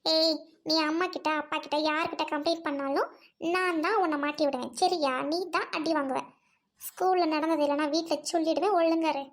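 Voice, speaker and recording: A woman's voice: high-pitched, steady tone, fairly quick, lightly acted. A woman voicing a bossy, teasing young girl who is the older sister in a comedy skit.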